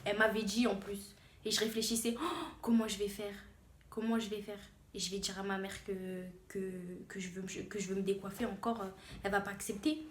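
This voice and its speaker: A young woman telling a story on her vlog in a lively way, often repeating phrases for emphasis. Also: mid-range voice, a little hiss or hum. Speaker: vlogger. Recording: roomy echo.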